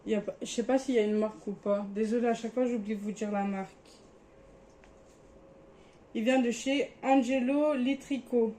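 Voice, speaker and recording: A woman's voice: fairly high pitch, fairly even intonation, normal speed, mellow, slight background noise. Chatty young woman showing her clothes. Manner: chatty, hesitant, searching for words. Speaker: vlogger. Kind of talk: casual clothing haul.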